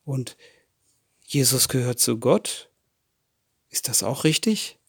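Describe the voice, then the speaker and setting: A man tells a Bible story to children at an unhurried, deliberate pace. He keeps pausing to ask his young listeners questions. The recording is dry, with no room sound. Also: medium pitch, expressive, vocal fry, a bit bright, slightly rough, no room sound.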